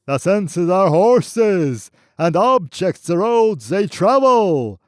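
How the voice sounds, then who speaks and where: A wild, booming spirit voice, as a male narrator puts it on, thundering orders and old verses from the dark. It rides up high and loud, pushing every word hard and dragging out the phrases, in a dry close storybook reading. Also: very animated, takes it slowly, dry recording. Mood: intoning. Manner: thundering, commanding.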